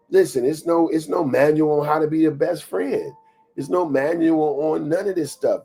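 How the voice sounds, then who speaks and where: Mellow-voiced man giving a motivational talk. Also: medium pitch, slightly rough. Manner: preachy, conversational, repeats phrases for emphasis. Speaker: show host.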